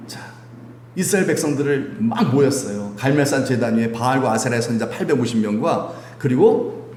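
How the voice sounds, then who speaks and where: Lively male pastor in an echoey church. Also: mid-range voice, a little fast, a little hiss or hum. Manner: lively, asks the congregation questions, chuckles often. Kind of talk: Sunday sermon. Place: church sanctuary.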